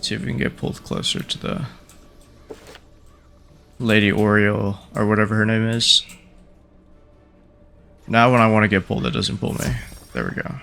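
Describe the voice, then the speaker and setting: A man's voice: fairly low pitch, level tone, normal speed, vocal fry, long pauses, a bit bright, slight background noise. A man giving casual game commentary as a video host, in an offhand, frank way.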